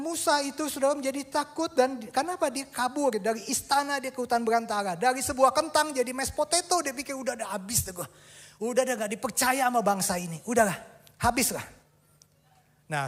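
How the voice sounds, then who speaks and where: A man delivers a sermon in a notably high voice. He acts out the dialogue of his own stories, jumping between loud, excited bursts and hushed, low asides. He drops English phrases in as he goes. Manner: tells personal stories with acted dialogue. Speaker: preacher.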